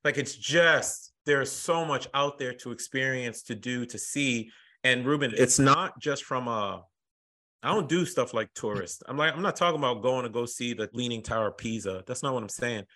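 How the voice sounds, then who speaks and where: A medium-pitched, moderately paced American man gives an emphatic, high-energy podcast interview as the guest, referring to people as brother.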